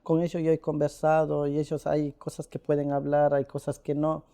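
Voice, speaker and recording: Soft-toned man. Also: a little high, completely flat delivery, creaky. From Ecuador. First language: Quichua. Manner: halting, with many pauses and "eh" fillers. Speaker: interviewee. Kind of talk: casual conversation.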